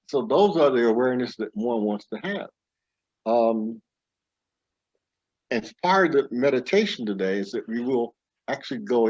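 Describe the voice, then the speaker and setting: A man's voice: medium pitch, a little mellow, husky. A man talking casually as a spiritual teacher, rambling with many restarts and acting out little inner voices. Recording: dull lo-fi recording.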